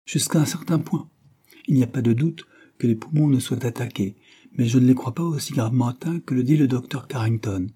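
A man's voice: mid-range voice, dark tone, slightly rough, pitched above the performer's own voice, close to an everyday voice. Careful village surgeon, read by a man. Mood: guarded. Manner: measured, careful. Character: cautious middle-aged male surgeon.

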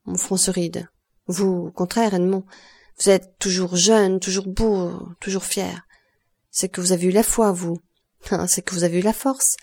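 A woman's voice: fairly low pitch, fairly even intonation, measured pace, warm tone. A woman reading the part of a grieving woman near forty who speaks in sorrowful, self-accusing pleas. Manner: sorrowful, pleading. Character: grieving woman of thirty-nine, broken by guilt.

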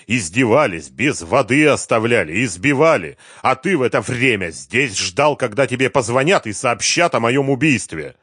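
A man voicing a cold, contemptuous man who calmly threatens a traitor. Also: on the low side, no echo, studio quality. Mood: menacing. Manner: measured, threatening, scornful.

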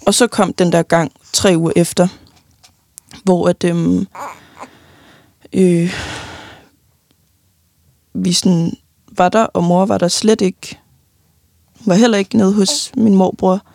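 A young woman giving a halting, personal account of loss in an interview, often pausing and restarting, sometimes tearful. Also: medium pitch, steady tone, darkish tone, dry recording, clean studio sound. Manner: halting, many fillers and restarts, tearful at times.

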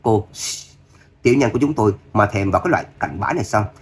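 A man's voice: on the low side, animated, fast, a little hiss or hum, lightly acted. A man voicing a fiercely loyal, hot-tempered young woman in an audiobook. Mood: furious. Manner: angry, panting.

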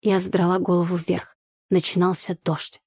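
A woman narrating a first-person audiobook story with an even, storytelling delivery. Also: fairly low pitch, normal speed, breathy edge, no room sound, clean studio sound.

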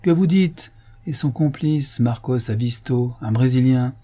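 A man reading the part of a brisk, impatient police commissioner in an audiobook, questioning sharply. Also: mid-range voice, mellow, natural voice.

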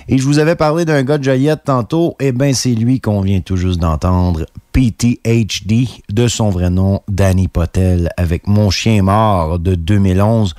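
Deep-voiced radio host. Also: male voice, mellow, dry recording, studio quality. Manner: enthusiastic, pitch jumping up on key words. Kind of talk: radio music show presenting. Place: radio studio.

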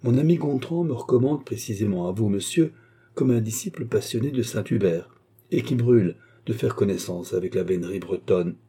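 A man gives voice to a young Irish baronet in a storybook. Courteous and modest on the surface, he pursues his aim with cold persistence. The tone is dark and mellow, a little husky. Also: on the low side, normal speed. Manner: polite, modest and coolly persistent. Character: young male Irish baronet, smooth schemer.

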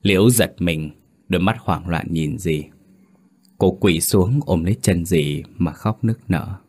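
A man narrating a scripted horror story in a measured, dramatic manner. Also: low-pitched, darkish tone, breathy edge.

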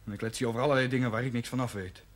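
An actor in a 1970s television drama plays a defiant, resentful young working man, blunt and combative, speaking very fast in a steady, medium-pitched voice close to everyday speech. The mood is bitter and subdued.

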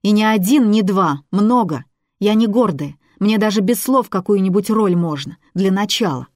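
A woman's voice: medium pitch, animated, moderate pace, dry recording, studio quality, pitched above the performer's own voice, natural voice. A woman voicing a stubborn runaway girl. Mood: eager. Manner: loud, indignant outbursts.

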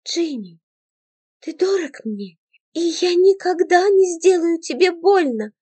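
Woman playing a young ghost girl, high voice, emotional, pleading, tearful, dry audiobook recording. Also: expressive, slow, dark tone, dry recording, heavily acted. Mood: tender. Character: young female ghost, tender and desperate. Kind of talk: audiobook character voice.

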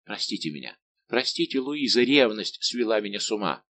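A man's voice: on the low side, sing-song, moderate pace, gravelly, fairly bright tone, no echo, heavily acted. A man voicing a passionate, lovesick young king who speaks insistently, in an audiobook. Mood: impassioned.

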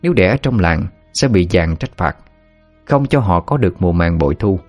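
A man narrating a dramatic folk story in a steady, measured way. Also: deep voice, soft background music.

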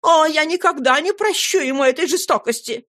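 A woman voicing a proud young woman who sobs and complains in a high wail. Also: expressive, fairly quick. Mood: tearful outrage. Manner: high, loud, wailing complaint. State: sobbing. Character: proud young woman, tearful and self-pitying.

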